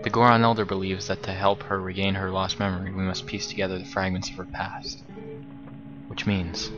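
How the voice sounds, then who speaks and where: A solemn, calm male village shaman, read out by a man from a video game. The voice stays low and hushed, with a formal, grave way of speaking. The delivery is restrained and even. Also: muffled recording, lightly acted.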